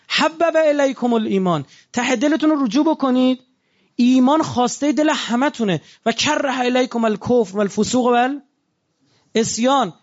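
A man's voice: extremely high pitch, lo-fi sound. A man preaching a religious sermon in a conversational way, asking his listeners rhetorical questions.

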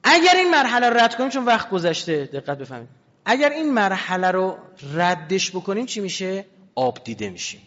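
A man's voice: high voice, very animated, a bit bright. Man lecturing emphatically in a reverberant hall. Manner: emphatic, full of rhetorical questions. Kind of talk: lecture to an audience. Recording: reverberant hall, dull lo-fi sound.

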